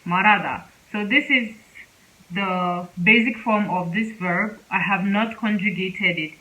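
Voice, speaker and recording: A woman teaching a casual spoken lesson, speaking slowly and repeating example words several times. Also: mid-range voice, pushed and bright, highs cut off. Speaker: Korean language teacher.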